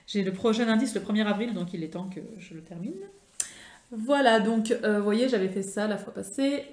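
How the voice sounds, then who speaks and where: A woman's voice: medium pitch, normal speed, darkish tone. Chatty French woman in an echoey room. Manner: chatty, many fillers and restarts. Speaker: craft vlogger. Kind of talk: casual show-and-tell chat.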